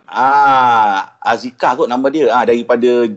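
A man with a Malaysian Malay accent hosting a casual morning radio chat, chatty and quick to laugh. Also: mid-range voice, steady tone, highs cut off. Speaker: radio host.

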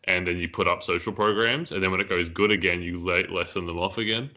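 A man's voice: low-pitched, fairly even intonation, fast, sharp tone. A man, hosting a casual podcast discussion, rambling with many fillers. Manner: rambling, many fillers, laughs at own jokes. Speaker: podcast host. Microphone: headphones and mic.

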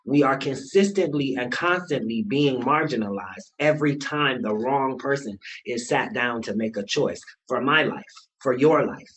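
A man's voice: medium pitch, normal speed, few pauses, fairly bright tone, breathy edge, low-quality recording. A man who runs a nonprofit and is running for school board, speaking earnestly and building to emphatic points in a casual panel chat beside a fireplace. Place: indoor room beside a fireplace.

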